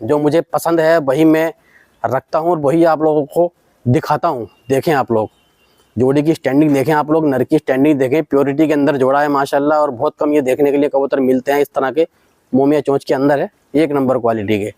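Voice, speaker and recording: A man's voice: on the high side, fairly even intonation, a little fast, dark tone, no echo. A man with a western Uttar Pradesh accent, selling pigeons in a casual vlog and eagerly urging viewers to look at each bird's quality. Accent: Western Uttar Pradesh Hindi. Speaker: pigeon seller showing birds.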